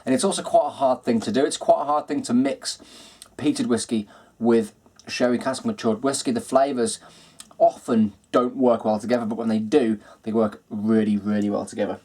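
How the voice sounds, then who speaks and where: Man, mid-pitched, easygoing whisky vlogger, chatty and unhurried. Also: husky. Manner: relaxed and chatty, many ums and kinds of. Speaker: whisky reviewer, host. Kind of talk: casual video review.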